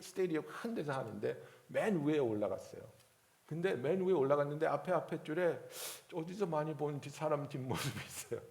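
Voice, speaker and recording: A man's voice: a little high, creaky. A man preaching a sermon as pastor, telling a story and acting out the voices in it. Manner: rising to forceful preaching.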